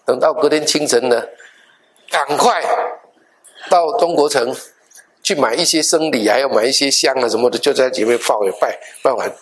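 A middle-aged male pastor telling a story in a sermon, animated and acting out the dialogue, with English words mixed in. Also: medium pitch, moderate pace. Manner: animated, acts out dialogue in different voices.

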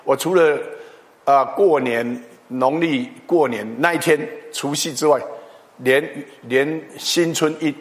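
A middle-aged man, preaching a chatty, animated storytelling sermon. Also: a little high, takes it slowly. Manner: animated, chatty, with tag particles and restarts. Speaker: pastor. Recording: long hall reverb.

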